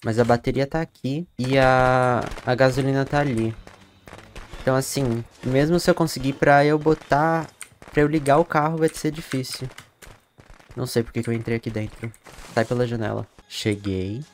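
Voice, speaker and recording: Brazilian man gaming, cursing and shouting. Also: medium pitch, steady tone, normal speed, a little hiss or hum. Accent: Brazilian Portuguese. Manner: swears a lot, bursts into loud panicked shouting. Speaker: gamer streamer. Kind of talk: live gameplay commentary.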